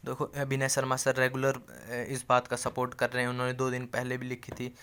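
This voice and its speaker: A man speaks straight to his viewers in a casual rallying appeal. His voice is smooth and clear, and his pitch barely moves, so even his urgent pleas sound level. He presses the same points again and again and often breaks off mid-phrase to start over. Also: fairly quick. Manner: rallying and insistent, keeps calling viewers friends; restarts and trails off mid-phrase. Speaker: YouTube channel host addressing job aspirants.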